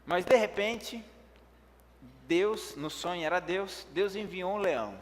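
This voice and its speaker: A preacher telling a personal story in a sermon. He acts out his own words, picking up in the action and dropping low in prayer. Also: takes it slowly. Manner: lively when telling the action, hushed in prayer. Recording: echoey hall reverb.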